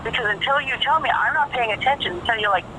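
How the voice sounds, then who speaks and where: A woman with a high, bright voice talks casually on a phone call. She is emphatic and swears freely, repeating phrases to drive points home. There is light noise on the recording. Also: fast. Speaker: caller.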